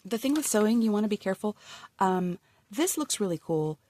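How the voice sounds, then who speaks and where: A crafter with a cold shows her handmade journal in a warm, mid-range voice, animated and a little fast. She chats casually and bubbly, often dropping to a murmur, and slight background noise can be heard.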